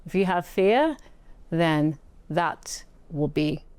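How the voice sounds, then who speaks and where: A woman being interviewed, speaking reflectively in a casual conversation, with frequent restarts and soft laughs. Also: sits low, expressive, slow, clear, resonant tone, dry recording. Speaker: interview guest.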